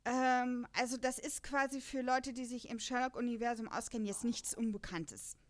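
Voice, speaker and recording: On this casual podcast about an audio drama, the young adult host talks in a high-leaning voice with fairly even intonation and a moderate pace. She's chatty, explains things at length, uses plenty of fillers, and laughs between points.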